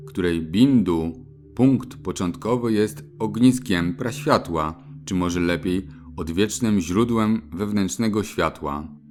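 A man giving a solemn, measured scripted narration as a spiritual teacher. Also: low-pitched, darkish tone. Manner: slow, measured, solemn delivery.

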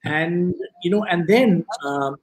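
On a webcam video call, a man interviews a guest in casual conversation, steering it with hesitant questions packed with fillers. His voice sits high, is slightly rough, and comes slowly, and the recording itself is rough.

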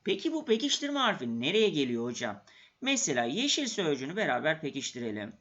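A man teaching an exam-prep grammar lesson with a bright, forceful voice that sits a little high. He keeps asking questions and answering them himself, stressing the points again and again. The recording sounds slightly dull and lo-fi. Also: huge pitch swings, quick pace.

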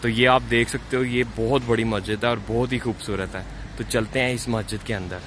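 A man's voice: mid-range voice, steady tone, brisk, fairly bright tone, slight background noise. A man from Pakistan casually narrating a walking tour of a large mosque, slipping English phrases into his talk, speaking from behind a handheld camera. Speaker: vlogger. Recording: music playing behind.

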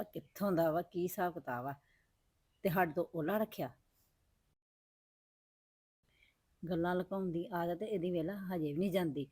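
Web drama: actress as middle-aged village wife, blunt, rapid, reproachful; dry recording. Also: female voice, mid-range voice, a little mellow, no room sound, natural voice. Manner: fast, reproachful, then muttering asides. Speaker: Sukhwinder, sister-in-law. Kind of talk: web series drama acting.

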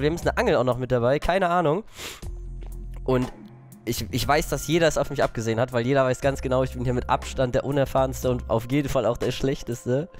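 A young man giving nervous, excitable Let's Play commentary, breaking into panicked yelps. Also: fairly high pitch. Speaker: gaming YouTuber.

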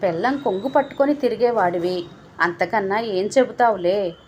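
A woman voicing a suspicious, sharp-tongued old father who taunts his family, in a storybook reading. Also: mid-range voice, normal speed, lo-fi sound, slight background noise, lightly acted. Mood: bitter taunting. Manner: scolding, taunting.

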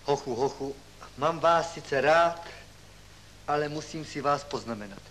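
A man's voice: fairly high pitch, slight background noise, lightly acted, poor audio. An actor playing a kindly but strict male schoolteacher who scolds his pupils, on an old film soundtrack. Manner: stern, scolding, then gentle.

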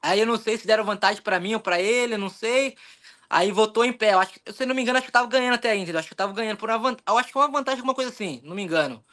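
A young man with a Brazilian Portuguese accent, telling his story in an animated, rambling way in a casual interview, acting out his own thoughts. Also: high-pitched, racing. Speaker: jiu-jitsu athlete, interview guest.

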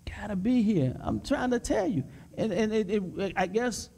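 A man, a pastor, preaching fervently in a panel discussion and repeating his points with rising excitement. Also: high-pitched, moderate pace, vocal fry, husky. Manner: fervent, repetitive exhortation; gets excited and loud.

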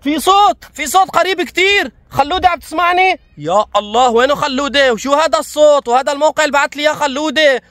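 A man playing a father in a family skit, talking in excited, exclamatory bursts and constantly urging haste. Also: very high-pitched, fast talker, no echo. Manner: breathless, exclamatory, keeps urging speed. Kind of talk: excited acted vlog narration.

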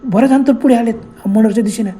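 A man's voice: extremely high pitch, rapid-fire, mellow. A man telling a horror story with a dramatic, suspenseful delivery.

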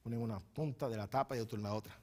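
A man preaching a sermon as pastor in a church, moving between quiet teaching asides and loud, fervent bursts, often stumbling and repeating words. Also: rapid-fire. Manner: swings from soft, low teaching asides to loud, high impassioned preaching.

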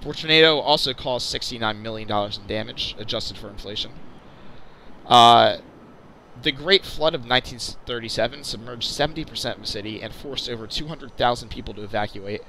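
A man's voice: medium pitch, fairly quick, bright, forceful tone, slight background noise. A man giving casual, chatty commentary over flight-sim gameplay, stumbling and correcting himself with jokey asides. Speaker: channel host.

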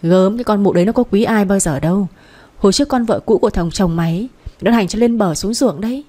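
A woman's voice: mid-range voice, fast talker, mellow, natural voice. Woman voicing a blunt scolding old village woman. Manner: coarse, nagging.

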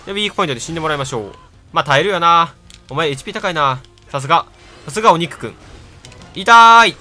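Lively Kansai-accented man commenting on a game. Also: a little high. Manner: chatty, self-mocking, reacts loudly to the game. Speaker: gameplay commentator. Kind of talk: casual let's-play commentary. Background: game music.

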